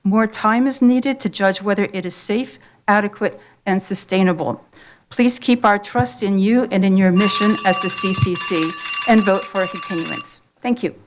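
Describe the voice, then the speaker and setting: A woman resident giving a prepared public comment at a hearing, measured and formal. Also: medium pitch, noisy background.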